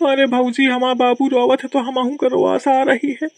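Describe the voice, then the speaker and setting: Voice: mid-range voice, fairly even intonation, normal speed, no room sound, natural voice. A performer voicing a naive, simple-minded young village man with a Kanpuri accent in a cartoon comedy. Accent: Kanpuri rural Hindi.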